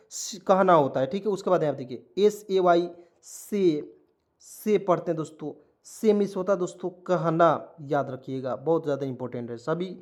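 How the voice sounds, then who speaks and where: A man teaching an online vocabulary lesson. He spells each word out slowly letter by letter and repeats its meaning. He keeps turning to the viewers as his friends and checks whether they are following. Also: sits high, a little mellow. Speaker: English teacher.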